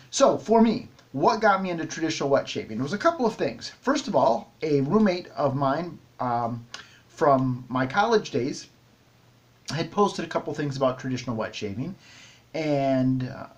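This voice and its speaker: A man's voice: a little high, lively intonation, moderate pace, lo-fi sound. Rambling man hosting a shaving vlog. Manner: rambling, many ums and restarts. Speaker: shaving video host. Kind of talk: casual vlog talk to camera.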